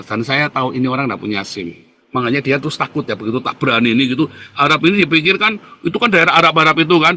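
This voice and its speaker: Bright-voiced defiant man ranting. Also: on the high side. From Indonesia. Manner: emphatic, repetitive, defiant, often laughing. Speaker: vlogger. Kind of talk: ranting monologue to viewers. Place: abroad, not the pictured home country.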